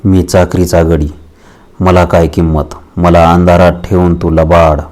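A man's voice: deep voice, level tone, a little slow, a little mellow. A man voicing a bitter, defiant young male farmhand in a storybook reading, speaking harshly.

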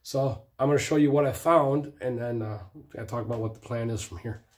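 A hoarse man casually rambling about his motorcycle project in his garage, swearing freely. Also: mid-range voice, a little fast, a little mellow. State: hoarse from a cough. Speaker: motorcycle racing vlogger. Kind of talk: casual chat. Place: home garage workshop.

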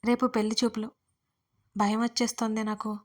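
A woman's voice: a little high, flat delivery, fairly quick, lightly acted. Woman voicing a fretful, whiny young woman. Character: anxious young woman before an arranged meeting.

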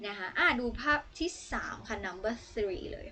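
A woman's voice: medium pitch, animated, a little slow. Young woman teaching young children. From Thailand. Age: young adult. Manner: chatty, coaxing, encouraging, with warm asides to the children. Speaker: student teacher. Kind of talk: online English lesson for young children.

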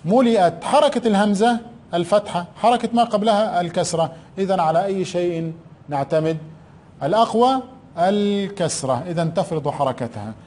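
A male teacher giving a recorded grammar lesson. He asks questions, answers them himself, and stretches out key words slowly. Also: high voice, a little mellow, slight background noise. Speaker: primary school Arabic teacher.

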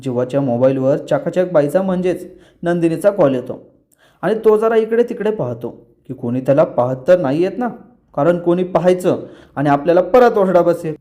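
A man's voice: a little high, animated, normal speed, mellow. A man reviewing a TV serial episode who retells the plot and speaks directly to his viewers. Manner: storytelling, addressing viewers directly. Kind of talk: episode recap narration.

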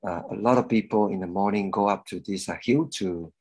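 A middle-aged man from Malaysia giving a halting personal testimony over a video call, with many fillers and pauses. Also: fairly low pitch, darkish tone, husky, rough recording. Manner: slow and hesitant, many fillers. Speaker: guest speaker giving a testimony. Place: indoor room at home. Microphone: video call webcam with earphones.

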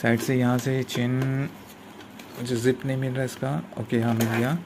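A man's voice: mid-range voice, flat delivery, normal speed. Hesitant man unboxing gear on phone. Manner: hesitant, many fillers and restarts. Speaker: vlogger unboxing camping gear. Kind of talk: casual unboxing talk. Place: indoor room at a table. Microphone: handheld phone camera pointed at the table. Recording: noisy phone recording with room hiss.

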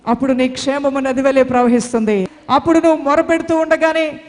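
Fervent high-voiced woman preacher, hall reverb. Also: steady tone, fairly quick. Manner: fervent, repetitive exhortation. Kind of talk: sermon.

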